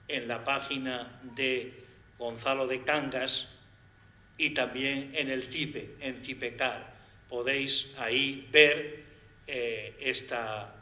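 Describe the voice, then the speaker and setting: Spanish male priest, gentle halting homily delivery, crisp bright tone. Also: medium pitch, roomy sound. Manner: halting, gentle pastoral speech with many pauses. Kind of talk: homily introducing a song.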